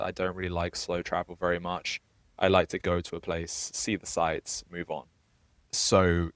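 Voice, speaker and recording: Speaking in a deep voice with no echo, this young podcast co-host keeps the conversation casual and relaxed.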